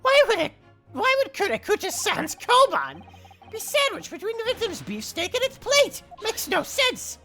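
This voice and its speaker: An extremely high, wildly swooping courtroom game character. The delivery is haughty, scornful and indignant, with music behind. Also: male voice, wildly swooping pitch, moderate pace, sharp tone, exaggerated voice.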